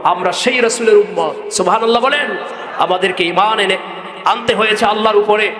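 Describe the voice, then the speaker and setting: A man's voice: high-pitched, moderate pace. A man preaching a sermon who chants scripture in a singing voice and keeps calling questions out to the congregation. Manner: chanting Quranic verses, calling out questions to the crowd. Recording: echoey hall, long reverb.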